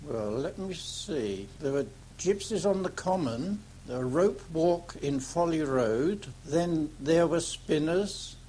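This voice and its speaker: A man gives measured, explanatory answers as a local potter being interviewed. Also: on the high side, expressive, warm tone, rough recording. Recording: amateur 1985 tape with hum.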